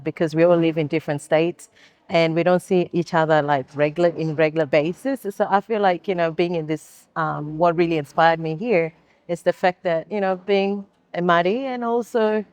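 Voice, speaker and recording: A woman's voice: fairly low pitch, a little mellow, no room sound. A young woman answering interview questions earnestly, with many fillers. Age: young adult. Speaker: conference attendee.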